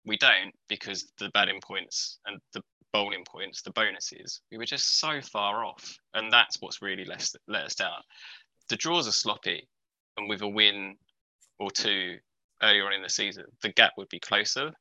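A man talking as a podcast co-host, giving casual, measured and analytical sports commentary. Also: on the low side, sharp tone, dry recording, rough recording.

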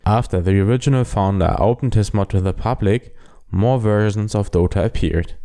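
A man's voice: on the low side, normal speed, mellow, clear, resonant tone. A young man with a German accent, hosting a solo podcast and earnestly explaining things. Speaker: podcast host.

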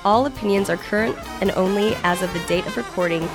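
A woman reads a scripted legal disclaimer in a formal, measured way, as an announcer. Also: medium pitch. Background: music with brass.

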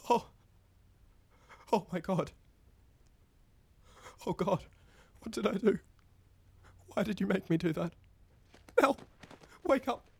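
An actor playing a soft-spoken young man whose hesitant affection turns obsessive and frantic. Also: a little high, slight background noise. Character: lovesick young man turning obsessive and violent. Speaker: actor in an audio drama.

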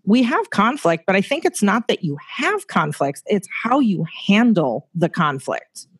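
Frank, lively woman podcast guest. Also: medium pitch, unhurried, breathy edge. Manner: frank and lively, acts out quoted speech. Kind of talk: casual interview chat.

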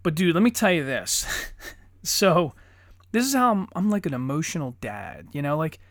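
A man in his thirties, a father and podcast co-host, telling stories in lively casual chat, swearing often and acting out quotes. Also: fairly high pitch, moderate pace, no room sound, studio quality. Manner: animated storyteller, swears often, acts out quotes.

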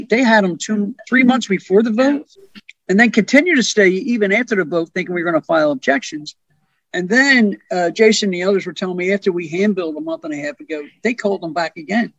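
A man's voice: high-pitched, a bit bright, slightly rough, dry recording, muffled recording. A man, a union organizing director, talking plainly in a podcast conversation and telling stories with asides.

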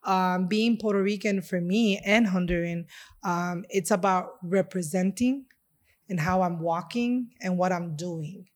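A restaurant owner from Chicago, USA, is a guest in a casual interview, talking about her heritage in a heartfelt, rambling way with many fillers. Her voice is lowish, a little mellow, and unhurried.

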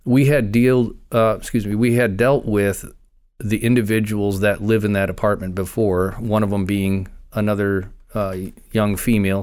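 A man, a former county investigator, recounting a personal story in an interview with measured pauses. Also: fairly low pitch, a little mellow, smooth.

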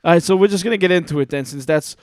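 A man hosting a podcast in loose casual chat, rambling and halting with fillers and profanity. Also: high-pitched, clean tone, no echo. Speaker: podcast host.

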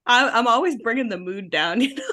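A woman's voice: fairly high pitch, fairly quick. A young woman co-hosting a casual book podcast, giggling often and acting out quotes. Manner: giggly, animated, acts out quotes. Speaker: podcast co-host. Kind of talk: casual chat.

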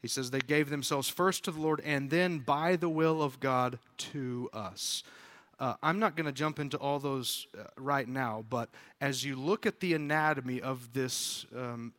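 A man preaching a sermon as pastor, talking conversationally with frequent fillers and restarts, and growing animated when he acts out quotes. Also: mid-range voice, a little slow.

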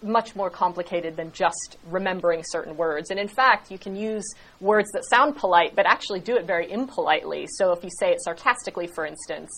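A woman's voice: on the low side, fairly quick, hardly any pauses, fairly bright tone, rough recording. A woman as an interview guest, explaining ideas fluently and laughing easily. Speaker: guest expert on interaction and politeness.

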